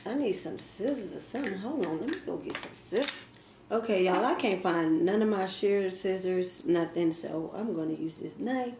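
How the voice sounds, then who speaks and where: Speaking at a moderate pace with medium pitch and lots of expression, this woman in her thirties does a casual Q and A as she eats. She's a mukbang vlogger who laughs a lot and talks between mouthfuls, filmed indoors by a fixed camera across the table in an echoey home kitchen with faint background noise.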